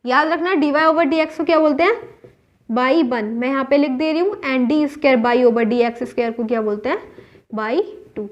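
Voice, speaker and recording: A woman's voice: sits high, normal speed. A woman maths teacher with an Indian accent, explaining a whiteboard lesson step by step and asking and answering her own questions. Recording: dull lo-fi recording.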